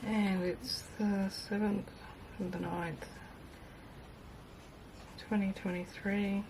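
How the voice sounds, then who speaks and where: A woman's voice: medium pitch, level tone, slow, background noise. A middle-aged woman casually thinking aloud through a craft demonstration, sounding tinny, as if in a tin can, on a built-in camera microphone. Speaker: craft video maker. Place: indoors at a craft table. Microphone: built-in camera microphone, overhead at a distance.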